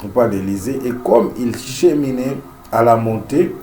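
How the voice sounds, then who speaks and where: A male preacher with a Central African French accent and a cold delivers an emphatic sermon, repeating key phrases and often saying amen and alleluia. His mid-range voice is mellow and moves at normal speed over soft background music.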